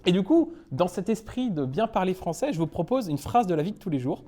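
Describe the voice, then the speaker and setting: A man from France gives a joking talk on developer jargon to a room of peers. His voice is mellow and dark, and his pitch jumps about a lot as he teases the audience and laughs at himself. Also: very animated, a little fast. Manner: playful, self-mocking, chuckles often. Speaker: conference speaker. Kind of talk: humorous tech talk to a live audience.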